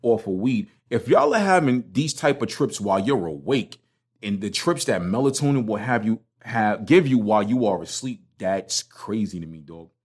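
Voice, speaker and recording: Male podcast host, Brooklyn accent, lower-pitched, slangy and emphatic conversational storyteller. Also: lively intonation, moderate pace, slightly rough. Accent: Brooklyn, New York. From Brooklyn, New York. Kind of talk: casual solo podcast talk.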